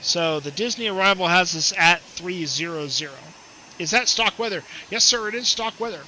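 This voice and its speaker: A man with a high, very bright and forceful voice talks through a flight sim stream in a relaxed, chatty way. He laughs often and slips into clipped pilot radio calls as he reads back clearances. A faint hum of noise sits under his voice. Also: moderate pace, rough recording. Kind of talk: casual gameplay commentary with radio calls.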